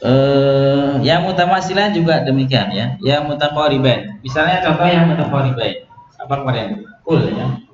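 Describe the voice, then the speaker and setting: A man's voice: mid-range voice, animated. Man teaching recitation, patient and questioning, big echoey room, dull noisy sound. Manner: explains rules slowly, asks students questions. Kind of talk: classroom tajwid lesson.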